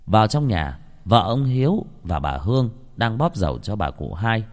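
A man narrating a scripted horror story, dramatic and expressive. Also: fairly low pitch, moderate pace. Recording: long hall reverb.

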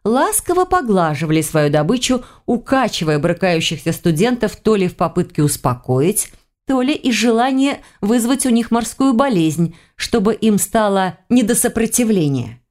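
A woman's voice: medium pitch, moderate pace. Woman narrating a fantasy audiobook. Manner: lively, expressive storytelling. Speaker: audiobook reader. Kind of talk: scripted first-person narration.

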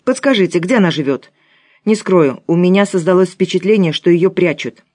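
A woman reading an audiobook, voicing a calm, wry male private detective in a measured, soft tone. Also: lowish voice, dry recording, studio quality, lightly acted.

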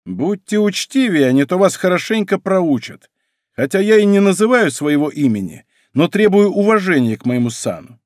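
A man's voice: high-pitched, sing-song, normal speed, no room sound, clean studio sound, voice pushed up. A man voicing an imperious noble who leads an ambush, speaking in a commanding, haughty way in an audiobook. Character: imperious noble leader of an ambush, used to obedience. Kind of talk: audiobook character voice.

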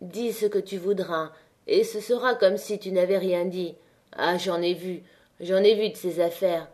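A woman voicing a weary, fatalistic old retired miner who speaks slowly in a murmur. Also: on the low side, fairly even intonation, darkish tone, lightly acted. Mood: bitter. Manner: slow, murmured.

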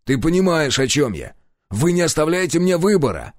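Gruff defiant hero, voiced by a man, blunt and swearing, lively pitch, dry sound. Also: normal speed, no room sound, lightly acted. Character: blunt stubborn reluctant man, first-person hero.

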